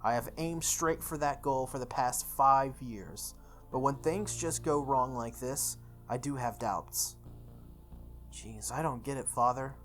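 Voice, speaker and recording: With a very deep voice and an unhurried manner, a woman hosting a playthrough reads visual novel text aloud, occasionally stumbling and going back over lines. Music plays behind her.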